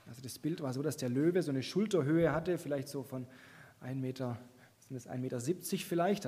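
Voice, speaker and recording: A man preaching in a fairly high, husky voice with a mellow tone. He speaks earnestly and encouragingly, addressing his listeners directly. His voice carries a long reverb from a church hall. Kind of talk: sermon.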